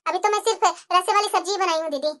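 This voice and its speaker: A woman's voice: very high voice, fast talker, fairly bright tone, pitched below the performer's own voice. A woman voicing a sweet, obedient young daughter-in-law in a cartoon, polite and eager to please. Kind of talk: cartoon voice acting.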